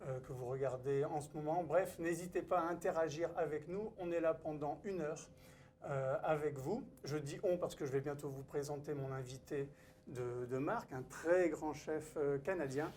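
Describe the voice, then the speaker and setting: Welcoming viewers to a live-streamed cooking event, a male wine author acting as host introduces the guest chef in a formal, emcee-like way from a cooking school studio kitchen. The voice is fairly high and darkish in tone, moving at a moderate pace, and a slight hiss or hum can be heard.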